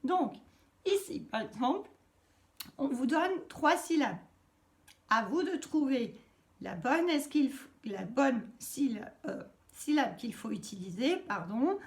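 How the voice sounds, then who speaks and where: A woman primary school teacher from France, patiently explaining worksheet exercises to young children step by step. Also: sits high. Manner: slow, patient, clearly spelling out each step. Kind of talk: recorded lesson instructions for young children.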